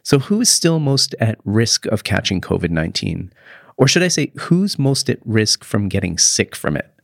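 A man's voice: on the low side, very animated, moderate pace, creaky, no room sound, studio quality. A man hosting a news podcast, asking a guest short, plain questions about the week's headlines. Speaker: podcast host.

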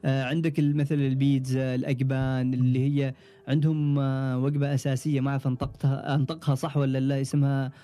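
A young man with an Omani Arabic accent, telling stories as a podcast guest in a relaxed, casual interview. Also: mid-range voice, quick pace, faint music behind. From Oman. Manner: relaxed storytelling, frequent trailing restarts. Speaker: podcast guest, ship engineer.

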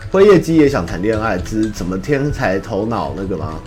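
A man's voice: lowish voice, big pitch swings, fairly quick, a little mellow, faint music behind. A young man from Taiwan, hosting a podcast in casual chat, rambling and blunt, with swearing and mocking voices. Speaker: podcast host. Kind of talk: casual chat about anime.

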